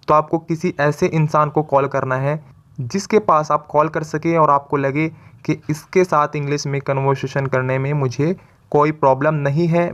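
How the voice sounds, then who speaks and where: A man teaching spoken English in a motivational video lesson, coaching listeners step by step and calling them friends. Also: on the high side. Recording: dull lo-fi sound.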